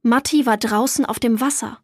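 Expressive female storybook narrator, slightly high, dry booth sound. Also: normal speed, breathy edge, no room sound. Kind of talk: children's audiobook narration.

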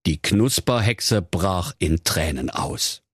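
A man's voice: low-pitched, animated, takes it slowly, slightly rough, dry recording, clean studio sound. A man telling a comic fairy-tale parody in a playful, theatrical way. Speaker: narrator.

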